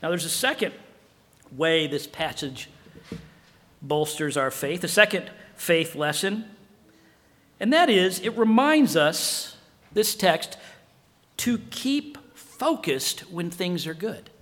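Guy preaching a sermon, fairly high voice, lively, long hall echo. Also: slow, pauses often. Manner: animated preaching, acts out dialogue. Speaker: pastor.

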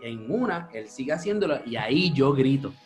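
A man's voice: mid-range voice, moderate pace, soft background music. A man telling a childhood story in casual chat, slipping English words in. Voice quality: animated, mixes English words.

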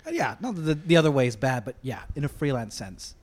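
A man, a comedian guest on a podcast, telling rambling, self-mocking stories in an animated way. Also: mid-range voice, fast, no room sound. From United States. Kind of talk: casual chat.

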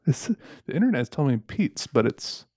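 A man's voice: medium pitch, sing-song, brisk, a little mellow, no room sound, studio quality. A man chatting casually into a microphone as a solo podcast host, rambling, correcting himself and musing with wry humor. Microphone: close microphone.

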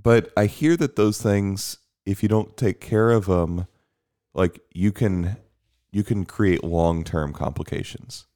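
A man with a very low voice chats on a casual podcast. He is easygoing and chuckles often. He sometimes trails off before finishing a thought. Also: slow pace, dark tone. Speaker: podcast co-host. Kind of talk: casual chat.

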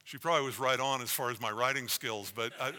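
Bright, forceful male preacher in a reverberant hall. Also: medium pitch, fast. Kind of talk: sermon to a congregation, with personal anecdotes. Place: large reverberant room, preaching to an audience.

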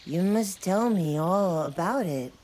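A woman plays a male bird pretending to be a flirtatious raven lady in an audio story. The put-on feminine voice is drawn out and coy. Its pitch swings widely, with exaggerated sweetness. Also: animated, a little slow, a little mellow, a little hiss or hum, poor audio.

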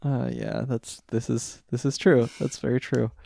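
A man co-hosting a casual podcast chat, easygoing and quick to laugh. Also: medium pitch, fairly even intonation, vocal fry, dark tone, no room sound, studio quality. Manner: giggly and easygoing, laughs often. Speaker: podcast co-host.

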